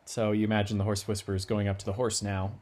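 A man's voice: lowish voice, fast. A man chatting casually and giggling over a video call. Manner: giggly, animated. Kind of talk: casual chat.

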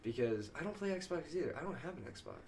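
A man's voice: fairly high pitch, big pitch swings, brisk, vocal fry, a little mellow, a little hiss or hum. A man co-hosting a podcast, chatting casually with loose, crude, joking banter. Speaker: podcast co-host. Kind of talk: casual chat.

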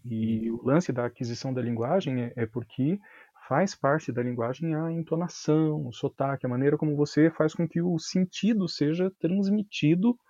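Man, Brazilian Portuguese accent, violin teacher, casual interview, animated explainer, dull lo-fi dry recording. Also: on the high side, no room sound. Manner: animated explaining with casual slang and frequent tag questions.

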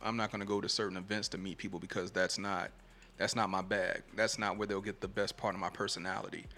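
A man talking reflectively and casually in a soft-spoken way. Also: deep voice, flat delivery, quick pace, slight background noise.

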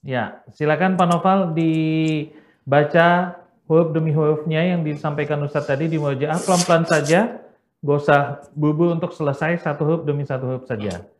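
A man with an Indonesian accent hosting a call-in Quran lesson, greeting callers and gently encouraging them. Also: a little high, moderate pace, echoey room, slight background noise. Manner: friendly and encouraging, gives gentle instructions. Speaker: program host. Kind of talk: live call-in show hosting.

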